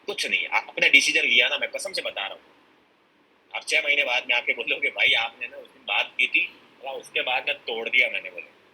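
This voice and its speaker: A man's voice: medium pitch, a little fast, sharp tone, breathy edge, poor audio. A man giving a blunt, emphatic motivational talk at a business seminar. He mixes in English phrases and acts out people's excuses as he goes.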